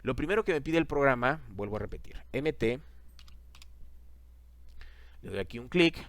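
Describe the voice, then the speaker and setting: A man's voice: mid-range voice, animated, normal speed, dry recording. Guy teaching a class, walks you through every click, says it all twice. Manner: repeats steps, talks the class through each click. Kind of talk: screen-recorded software lesson.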